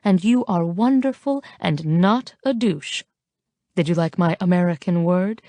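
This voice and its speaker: A woman narrator voicing a frank, playful Frenchwoman with a French accent, speaking with unhurried confidence. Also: on the low side, mellow, no echo. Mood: teasing.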